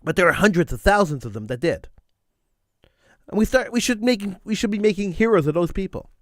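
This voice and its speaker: This middle-aged radio talk show host has a fairly high voice and speaks in an animated, slightly quick way through a fervent monologue, hammering points by repeating phrases. A slight cold wears on his voice, and the studio mic captures him dry and close.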